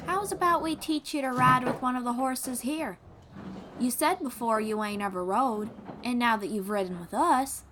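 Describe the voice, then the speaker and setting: In this second-person audio roleplay, a woman with a somewhat high voice plays a friendly young traveling bard who teaches riding. She speaks with a folksy drawl and casual phrasing, encouraging, reassuring and gently guiding the listener, with background noise behind her.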